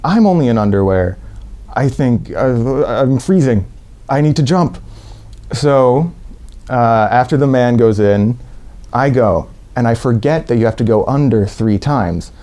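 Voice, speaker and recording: A man from the USA with an American accent, telling a personal story in a lively way and acting out what people said. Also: medium pitch, measured pace. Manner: lively anecdotal, acts out quotes.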